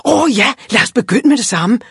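A reader voicing a cheerful, cheeky red-haired little girl in a storybook reading, with a husky, playful voice. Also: dry recording, studio quality, exaggerated voice. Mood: eager. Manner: high, bright and playful.

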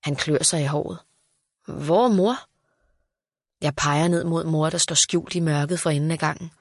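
A woman calmly reading a children's story aloud as the narrator. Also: low-pitched, no echo, clean studio sound.

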